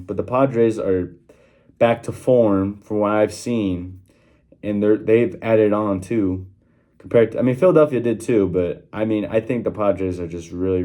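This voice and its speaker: Low, mellow man recorded on a phone. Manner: conversational, with frequent fillers and restarts. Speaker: channel host giving sports predictions. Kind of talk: casual one-take vlog talk. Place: small workroom at home.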